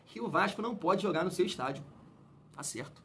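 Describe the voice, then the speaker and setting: A man hosts a casual football commentary, talking straight to his fans. His voice sits high for a man. He sounds opinionated and heated, with a colloquial, chatty delivery. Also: animated, fairly quick, fairly bright tone, a little hiss or hum. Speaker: football channel host.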